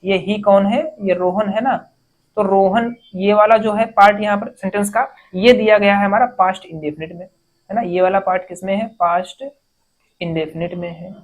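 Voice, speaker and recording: In an exam-prep grammar lesson, a woman with a steady, mid-range voice explains things step by step, posing questions and answering them herself. She reads the English example sentences slowly, one word at a time.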